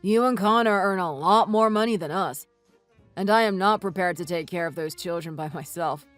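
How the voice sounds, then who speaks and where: A man voicing a husband who hedges and makes excuses, over soft music. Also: sits high, normal speed. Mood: excusing. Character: evasive, self-excusing husband. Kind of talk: read-aloud text-message story. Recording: dry voice with soft music underneath.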